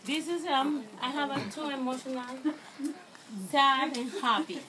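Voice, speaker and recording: Preschool teacher, female, native Spanish speaker with a thick accent and halting English, heard through heavy noise. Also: sits high, fairly even intonation. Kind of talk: informal speech to parents and children. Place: outdoor daycare play yard. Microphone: handheld phone camera a few metres away. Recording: noisy, distant phone video.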